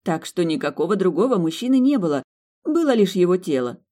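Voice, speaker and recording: Narrator voicing a flustered young doctor bride. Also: female voice, on the low side, big pitch swings, a little fast, dark tone, pitched above the performer's own voice. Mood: embarrassed, earnest. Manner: pleading, eager to please.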